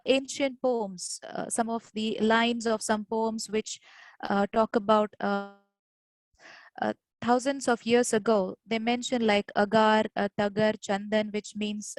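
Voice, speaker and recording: Over a video call, a woman from India gives an academic webinar lecture, explaining patiently but hesitantly with frequent "uh" fillers. Her mid-range voice has no echo, and the recording quality is low.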